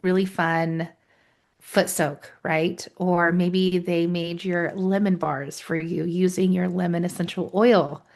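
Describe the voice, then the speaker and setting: A woman's voice: on the low side, fairly even intonation, slow pace, a little mellow. A woman co-hosting a podcast, chatting in an upbeat, friendly way and speaking straight to her listeners. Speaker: podcast co-host. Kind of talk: casual podcast chat.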